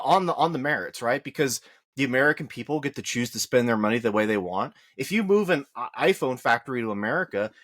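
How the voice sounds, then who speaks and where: A man co-hosting a podcast talks casually about politics in a slightly whiny voice, animated and firing off rhetorical questions that rise high as he argues. The recording is dry and studio quality.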